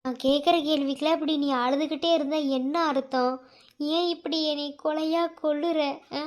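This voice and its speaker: A woman's voice: high-pitched, fairly even intonation, moderate pace, close to an everyday voice. A woman voicing a young man in a cartoon love story, urgently pleading with the girl he loves to confess her feelings.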